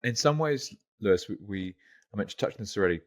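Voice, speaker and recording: British male host, very deep, enthusiastic and emphatic, dry close-miked sound. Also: expressive, fast talker, dry recording. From United Kingdom. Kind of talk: interview conversation.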